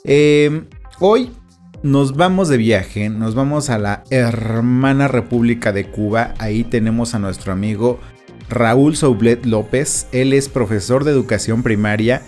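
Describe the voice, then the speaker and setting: A man hosting a podcast interview, friendly, with animated greetings. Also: mid-range voice, a little slow, faint music behind. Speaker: podcast host.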